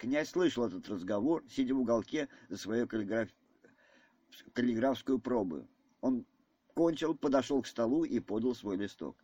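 A man narrating an audiobook in a measured, even reading manner. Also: medium pitch, breathy edge, no room sound, highs cut off. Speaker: audiobook reader. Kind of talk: scripted narration.

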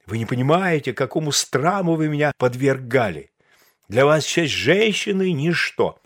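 Man voicing theatrical young woman, audiobook, reproachful, self-pitying, lively intonation. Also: on the high side, normal speed, voice pushed up. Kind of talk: audiobook character reading.

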